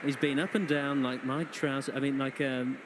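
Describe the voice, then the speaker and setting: A match commentator with a medium-pitched, fairly even voice delivers comedic live football commentary at a normal speed, full of jokes, quips and puns. Clear outdoor ambient noise sits behind him.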